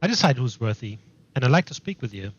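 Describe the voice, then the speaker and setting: A man's voice: medium pitch, sing-song, fast, husky, dull audio. A man streaming a video game live, commenting casually and reading dialogue choices aloud.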